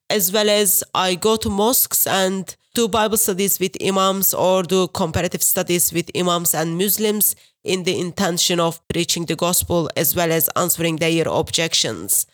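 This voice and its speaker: A woman from Turkey with a Turkish accent, Turkish her first language, telling her story as a guest over a video call in an earnest, measured way. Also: lowish voice. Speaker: guest, street preacher. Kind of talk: interview, personal account.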